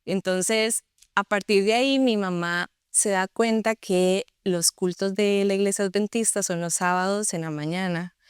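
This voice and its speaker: A woman's voice: mid-range voice, fairly even intonation, a little slow, clean tone, no echo, clean studio sound. A young woman with a Costa Rican accent, earnestly telling her personal story as an interview guest. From Costa Rica. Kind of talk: personal testimony.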